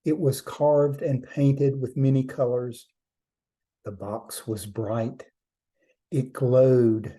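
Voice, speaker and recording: Very mellow, slow male storyteller. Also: medium pitch, steady tone. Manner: measured short phrases with deliberate pauses. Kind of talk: slow storytelling of a traditional trickster tale.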